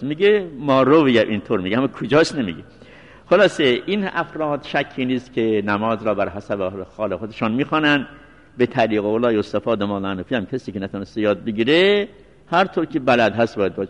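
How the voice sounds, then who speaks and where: A male seminary teacher giving a religious law lecture, repeating references slowly and mixing in recited phrases. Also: medium pitch, dull audio. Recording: long reverberant hall sound.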